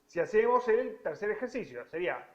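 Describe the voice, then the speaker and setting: High-voiced Rioplatense man teaching piano. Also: big pitch swings, lo-fi sound. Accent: Rioplatense Spanish. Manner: explanatory, counts rhythms aloud while playing, drawn-out stressed words. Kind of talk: piano lesson, counting beats aloud. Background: piano playing.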